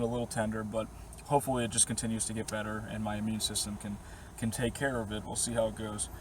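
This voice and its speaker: A vlogger from the Boston area answers viewer questions while sitting in his parked camper van, chatting to camera with faint outdoor noise behind him. He's a young man with a slightly hoarse, worn voice at an ordinary middle pitch, rambling easily with lots of fillers and short laughs.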